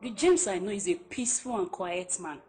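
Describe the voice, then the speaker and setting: Woman playing a preachy nigerian friend, lively voice, giving advice, a little hiss behind. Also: mid-range voice, normal speed, natural voice. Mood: earnest. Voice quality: earnest, advising. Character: unmarried female friend, calm and preachy. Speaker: film actor. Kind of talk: film drama acting.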